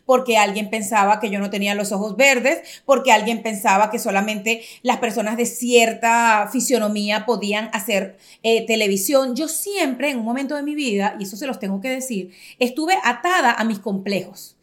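A Venezuelan woman in her forties with a high voice hosts a casual podcast. She talks in an expressive, emphatic way and often turns to address her listeners. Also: moderate pace, few pauses. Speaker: podcast host.

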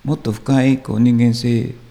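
A man, a guest teacher musing slowly and reflectively in conversation, often trailing off. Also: medium pitch, little pitch movement, dark tone.

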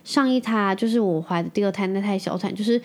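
A woman in her thirties hosting a podcast, talking casually and telling a family story in an animated way, acting out the people she quotes. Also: mid-range voice, fast talker. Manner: chatty, animated storytelling with playful quoted voices. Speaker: podcast host. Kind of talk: casual solo chat.

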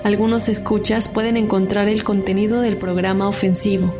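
A woman's voice: medium pitch, level tone, moderate pace, over music. A woman hosting a podcast, talking casually and chattily with fillers. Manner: chatty, warm-hearted, with fillers. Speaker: podcast host.

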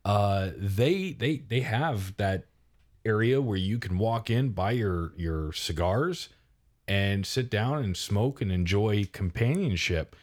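A man with a fairly low voice co-hosting a comedic talk show. He keeps a mock-serious, deadpan tone and stretches his phrases with lots of fillers. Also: takes it slowly. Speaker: podcast co-host.

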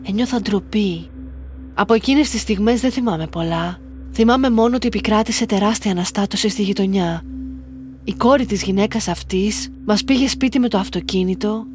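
A woman reading a listener's first-person story aloud in slow, measured scripted narration. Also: mid-range voice, a little mellow.

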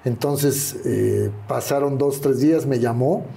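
A man's voice: medium pitch, measured pace, creaky, dark tone. An older man with a Mexican Spanish accent, telling anecdotes as an interview guest and acting out the voices of people he quotes. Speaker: interview guest, retired wrestler. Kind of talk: casual storytelling interview.

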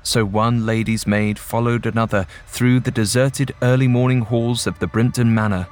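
A man narrating a ghost story in a measured, suspenseful storytelling manner. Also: medium pitch, fairly even intonation, darkish tone. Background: faint music.

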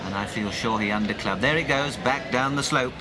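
A man working as a golf commentator, giving live commentary in a measured way with exclamations and rhetorical questions. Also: mid-range voice. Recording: old outdoor broadcast, loud crowd and noise. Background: crowd and outdoor noise.

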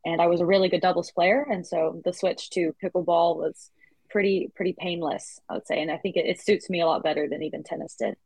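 A woman's voice: fairly low pitch, fairly even intonation, fast, darkish tone, husky, no room sound, rough recording. A woman in her twenties, a guest in a casual interview, talking chattily with frequent restarts and fillers. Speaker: guest athlete.

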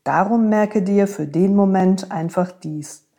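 A woman voicing a wise, gentle horse who speaks tenderly and reassuringly to a young friend. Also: medium pitch, slow pace.

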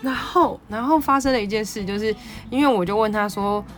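A woman with a Taiwanese Mandarin accent hosting a podcast, telling a story in an animated, excitable way. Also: mid-range voice, brisk, faint music behind. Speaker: podcast host. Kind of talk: casual storytelling monologue.

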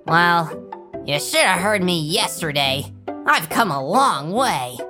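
A woman's voice: fairly low pitch, animated, slow, music in the background. A woman playing a playful, goofy sidekick character on a children's cooking podcast. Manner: playful, musing. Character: Parker, goofy playful kids' show sidekick. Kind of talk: scripted children's podcast acting.

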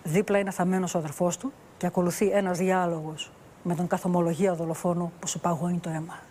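A woman's voice: on the low side, little pitch movement, dark tone, a little hiss or hum. A woman journalist recounting an investigation in an interview, telling it vividly and quoting dialogue.

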